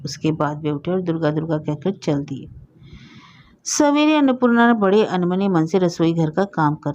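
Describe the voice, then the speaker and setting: A woman storyteller reading a story aloud in a steady, scripted narration. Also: on the low side, highs cut off.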